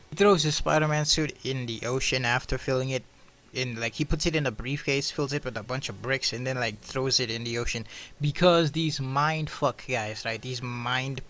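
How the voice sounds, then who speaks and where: In a medium-pitched voice that sounds pushed and bright, a man rambles through a casual video review. His talk is sweary and full of slang, with "bro" and "dude" coming up often.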